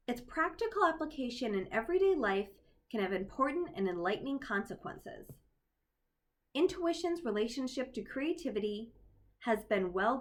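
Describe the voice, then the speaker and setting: A woman reading a story aloud while guiding listeners through a meditation. Her voice sits a little high and moves up and down a lot. She keeps stepping away from the text to make playful jokes. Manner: playful, laughs at her own asides. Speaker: oracle card reader and storyteller. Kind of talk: casual reading and meditation guidance.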